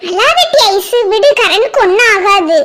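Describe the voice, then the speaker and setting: A performer with a very high voice playing a woman relative in a cartoon who consoles the crying family. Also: big pitch swings, unhurried, sharp tone, heavily acted. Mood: consoling.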